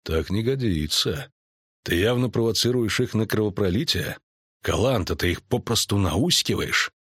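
A man reading an audiobook voices a blunt island lord speaking in a low, hushed, urgent way. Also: lively intonation, normal speed, breathy edge, no echo, studio quality. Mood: urgent whisper.

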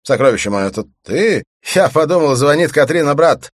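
A man voicing a flustered, impatient married man who barks loudly into a phone. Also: fairly high pitch, expressive, fairly quick, dry recording, clean studio sound, voice pushed up. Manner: loud, impatient.

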